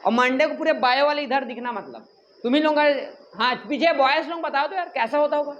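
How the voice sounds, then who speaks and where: A man teaches a class in an animated, joking way, quizzing and teasing his students and snapping at the chatty ones. He sounds like a lively classroom lecture. Faint noise sits under his voice. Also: very high-pitched, brisk, dull audio.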